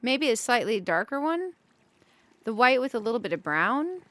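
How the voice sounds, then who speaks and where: A woman's voice: fairly high pitch, big pitch swings, moderate pace, fairly bright tone, dry recording. A woman streaming a cozy game, chatting casually with viewers and thinking aloud as she decorates, with giggly bursts. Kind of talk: casual gameplay commentary.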